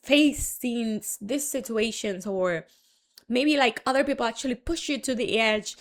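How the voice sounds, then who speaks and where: Unhurried and on the high side, this young woman's voice carries a Dominican Spanish accent. She's a marketing entrepreneur from the Dominican Republic sharing her story in a candid, chatty monologue, thick with fillers and false starts.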